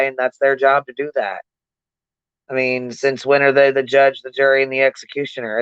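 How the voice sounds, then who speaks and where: In casual, swear-filled slang, a livestream host comments bluntly and keeps repeating points for emphasis. The delivery is flat, the voice smooth, clean and medium in pitch, and the recording sounds dry and somewhat dull with no echo.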